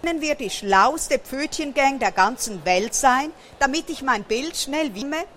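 A woman's voice: sits high, expressive, a bit bright, pitched above the performer's own voice. A woman voicing a fretful, dramatic male cockatiel in a storybook read aloud. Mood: hopeful. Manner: lamenting, theatrical, hurried.

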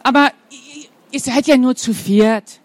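A woman voicing a flustered, excitable female schoolteacher who stammers and exclaims dramatically in a storybook reading. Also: high voice, unhurried, dry recording. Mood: exasperated.

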